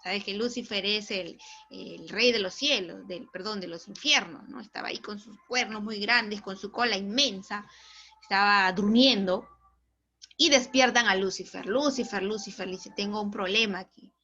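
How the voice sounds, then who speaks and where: Woman literature teacher, animated storyteller, bright tone, muffled lo-fi audio. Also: medium pitch, normal speed, faint music behind. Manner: animated, tags questions to students. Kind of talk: storytelling lesson. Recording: dull lo-fi recording.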